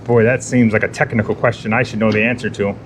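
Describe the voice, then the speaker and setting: A man's voice: fairly low pitch, flat delivery, fast talker, slight background noise. A man hosting his own garage vlog, talking casually to himself and the viewers while he works, with self-deprecating jokes and muttered asides. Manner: muttering asides, sometimes whispering. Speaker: garage channel host.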